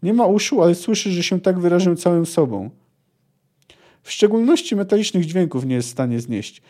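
A man's voice: high voice, expressive, mellow. A man reading aloud and voicing a cold, terse male monster hunter who explains things coolly. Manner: cool, measured lecturing.

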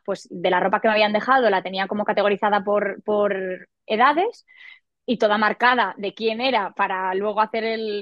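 A woman in her forties, a podcast guest, telling a personal story in a lively way and acting out the voices she quotes. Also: dry recording, dull audio. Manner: animated, acts out quoted dialogue in a higher voice. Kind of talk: casual storytelling.

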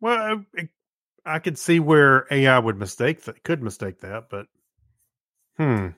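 A man co-hosts a podcast, chatting casually and swapping everyday anecdotes from his life. His mid-range voice swings widely in pitch, is unhurried and fairly bright. The recording is studio quality, with no echo.

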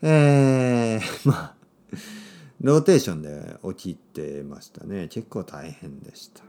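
A man hosting a podcast for Japanese learners, speaking simply with lots of repetition and a playful, expressive delivery. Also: slow pace. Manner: clear, simple phrasing for learners with repeated words; expressive and playful, with sudden pitch jumps. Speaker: podcast host and Japanese teacher.

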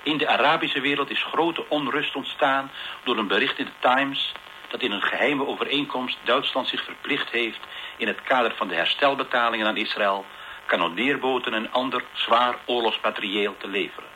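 Male actor as a measured newsreader, bright tone, slight hum. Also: mid-range voice, close to an everyday voice, low-quality recording. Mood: neutral. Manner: measured formal news delivery. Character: formal radio newsreader, man.

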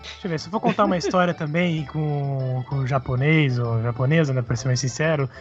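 Fast-talking high-voiced Brazilian man. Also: dull audio, soft background music. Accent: Brazilian Portuguese. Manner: quick, sheepish anecdote telling. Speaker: podcast co-host. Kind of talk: casual storytelling chat.

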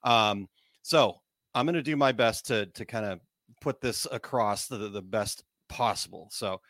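A man's voice: on the low side, unhurried, a bit bright, dry recording, clean studio sound. A man with a Missouri accent chatting casually and folksily as a podcast co-host. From Missouri, United States. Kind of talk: casual chat.

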